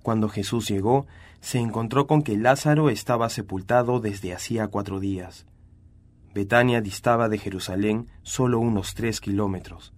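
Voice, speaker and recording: A man giving a scripture reading aloud in a steady, even-toned way. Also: on the low side, moderate pace. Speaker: Bible reader.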